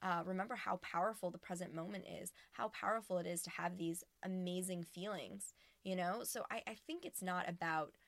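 Low creaky-voiced woman podcasting inside a closet. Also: moderate pace, few pauses, no echo. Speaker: podcast host. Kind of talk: casual solo podcast monologue. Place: small empty closet in a cabin, indoors.

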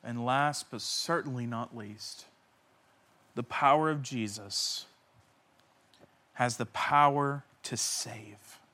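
Slow, bright-voiced impassioned preacher man. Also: mid-range voice. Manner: impassioned preaching, swinging from loud cries to hushed near-whispers; repeats key phrases for emphasis. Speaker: pastor. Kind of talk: sermon.

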